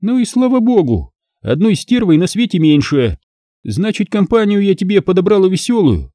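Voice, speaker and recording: A man's voice: sits high, sing-song, moderate pace, mellow, no echo, studio quality, pitched above the performer's own voice. A man reading an audiobook voices a spiteful, scheming young woman who taunts and sneers. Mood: gloating mockery.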